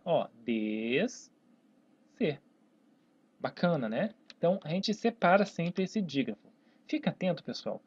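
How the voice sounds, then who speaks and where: This Portuguese teacher, speaking with a Brazilian accent, gives a grammar lesson at a whiteboard, stretching words into separate syllables and repeatedly asking "né?" and "tá, pessoal?". Their medium-pitched voice is slightly mellow and a bit breathy, captured in a dull, lo-fi recording.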